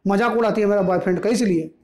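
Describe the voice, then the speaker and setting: A man's voice: high voice, fast, darkish tone, natural voice. A male teacher voicing a sulky young daughter with a flaring temper.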